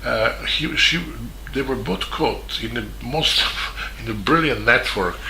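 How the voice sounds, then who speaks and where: A man from Serbia with a Serbian accent, a journalist giving a spoken statement in halting English full of fillers and restarts. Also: mid-range voice, creaky, pushed and bright, a little hiss or hum. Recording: echoey room with faint ambience.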